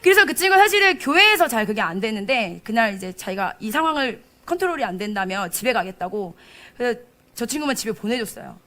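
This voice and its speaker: Lively high-voiced woman preaching. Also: fast. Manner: animated, acts out quoted speech, laughs often. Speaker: associate pastor preaching. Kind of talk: sermon with storytelling. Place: church service.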